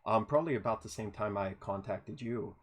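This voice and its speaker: Fairly quick and on the low side, this man's voice carries a casual podcast interview he's hosting over video call. He's keen and stumbles, repeating words as he goes.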